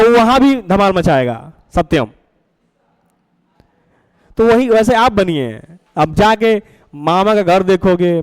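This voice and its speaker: A man's voice: high-pitched, clear, resonant tone, no room sound, low-quality recording. A man teaching a chemistry class, coaxing students with questions and repeating their answers. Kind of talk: classroom lecture.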